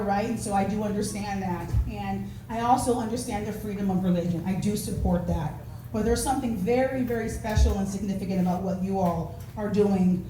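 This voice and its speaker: A woman from Nevada giving an earnest, rambling public comment at a community meeting, with many fillers. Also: mid-range voice. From Nevada, USA. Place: meeting hall. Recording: echoey hall, far from mic, noisy.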